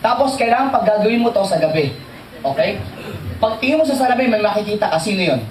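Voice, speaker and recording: A man giving a motivational training talk to an audience, animated and joking, often quizzing the listeners. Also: sits high, fast, slight background noise. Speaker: seminar trainer. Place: seminar hall with audience. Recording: echoey hall, distant mic, faint crowd.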